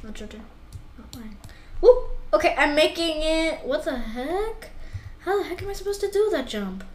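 A young woman playing along with her friend in a casual gaming video, giggly, excitable and quick to laugh at herself. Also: sits high. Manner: giggly, excitable, self-mocking. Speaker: co-player friend. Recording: echoey room with faint noise.

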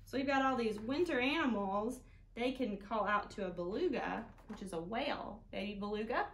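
Using a high storytime voice, a young woman working as a children's librarian reads a picture book, partly in sing-song, and encourages the kids to join in. The echoey recording comes from a camera a few feet from her couch in a small indoor room, with some background noise.

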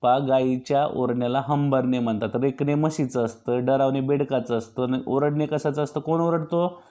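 A man's voice: mid-range voice, fairly even intonation, moderate pace, warm tone. A man teaching young pupils, going through each quiz option and patiently answering his own questions. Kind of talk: exam-practice lesson for young pupils.

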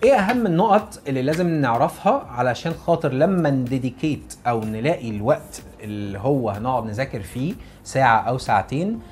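Fast-talking Egyptian man giving advice. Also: medium pitch, animated, a little mellow, soft background music. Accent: Egyptian Arabic. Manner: earnest, repeats key points for emphasis. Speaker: English teacher and YouTuber. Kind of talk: casual motivational talk to camera.

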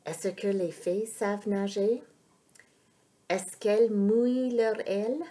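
A woman reading a storybook aloud, voicing a curious, easily worried small child who keeps asking high, anxious questions. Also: fairly even intonation, takes it slowly, dark tone, lightly acted. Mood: fretful.

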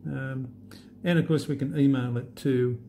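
A man with a low, gravelly voice talks through a tablet app demo at a desk. His tone is mellow and unscripted, full of pauses and fillers. A faint hiss of room noise sits behind him. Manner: relaxed, halting, many fillers. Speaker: app demonstrator. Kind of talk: unscripted screen demo walkthrough.

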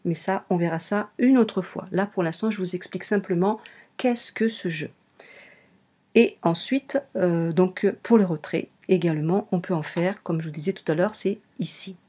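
A woman with a French accent and a low, warm, husky voice talks at a moderate pace through a browser game in a screen recording. She presents online game walkthroughs, and in this casual tutorial she goes step by step, often repeating or correcting herself.

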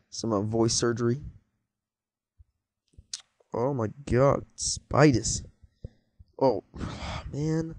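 This is a teen gameplay commentator doing a laid-back let's-play, rambling, making jokes for viewers and jumping at scares. His male voice is mid-range and warm, captured in a dry recording.

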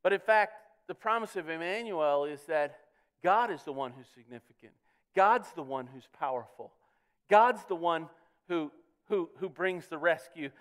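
A man's voice: fairly high pitch, expressive, normal speed, a bit bright. A pastor preaching a sermon in church, earnest, often repeating words as he builds to his points. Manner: earnest preaching with frequent word repeats, swelling on key words. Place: church sanctuary.

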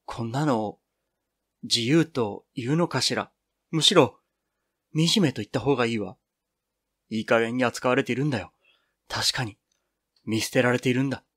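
A man's voice: mid-range voice, moderate pace, pauses often, a bit bright, slightly rough, no room sound, studio quality. A man reading the part of Toku, a young woman student speaking with impassioned bitterness in a storybook reading. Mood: agitated, bitter. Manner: impassioned, lamenting.

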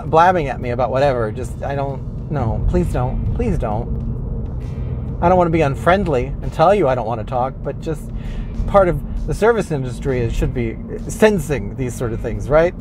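A man's voice: medium pitch, expressive, moderate pace, over music. A man hosting his own vlog, complaining in a rambling, self-mocking way with many restarts while driving his car. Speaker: vlog host. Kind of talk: casual comedic rant.

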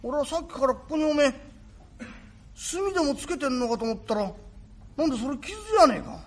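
A man playing a remorseful rough working-class father, gruff yet tender, in old Tokyo shitamachi speech. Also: very high-pitched, fairly quick, pitched above the performer's own voice. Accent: Tokyo shitamachi (Edo). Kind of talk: rakugo storytelling.

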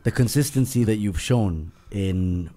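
A man hosting a casual football podcast, teasing his friends with animated, laughing banter. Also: fairly low pitch, a little slow. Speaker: podcast host.

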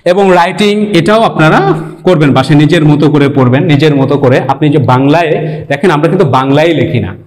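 A man's voice: fairly high pitch, brisk, a little mellow. Man teaching English conversationally. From Bangladesh. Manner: conversational, mixes English words, asks rhetorical questions. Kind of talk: explanatory lecture.

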